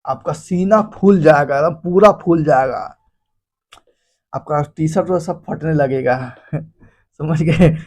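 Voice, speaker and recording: A man with a high voice teaches an informal, lively lesson. He talks at an unhurried pace and slips into the voices of the people in his examples. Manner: animated, acts out quoted characters, laughs at own jokes. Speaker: teacher explaining a life lesson.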